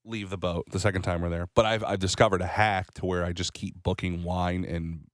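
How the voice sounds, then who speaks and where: A man in his thirties co-hosting a morning show, telling rambling, animated stories with a slight cold. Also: low-pitched, a little fast, no echo, clean studio sound. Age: 30s. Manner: rambling, animated storytelling with restarts. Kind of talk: casual radio chat.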